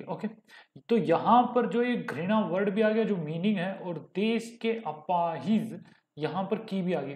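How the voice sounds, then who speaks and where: A man teaching English vocabulary with memory tricks, explaining step by step and slowly repeating key words. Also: high voice, a little mellow, echoey room.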